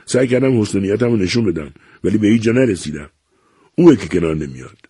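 A man's voice: on the low side, expressive, warm tone, breathy edge, no echo, clean studio sound, pitched above the performer's own voice. A man reading a novel aloud, voicing a middle-aged son who pleads emotionally and self-pityingly with his father. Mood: pleading.

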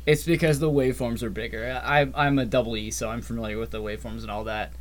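This co-host speaks fast in a medium-pitched, steady voice on a casual gaming podcast. Explaining game patch changes, he's loose and rambling and tends to trail off.

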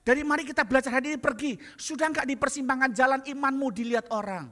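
A male pastor preaching a sermon, lively and joking, mixing in English phrases. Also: very high voice, fast talker, in a large hall. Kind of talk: sermon with comic stories.

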